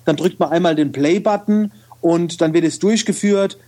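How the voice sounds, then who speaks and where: A photo retoucher and video trainer appears as an interview guest, speaking casually in a regional German dialect with a slightly high, warm voice at normal speed. He uses many fillers and frequently restarts his sentences.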